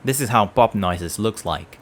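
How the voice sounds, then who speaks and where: A man's voice: fairly low pitch, measured pace, a bit bright. A man giving a plain, explanatory product review at his home work desk, speaking into a desk mic on an arm. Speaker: tech reviewer.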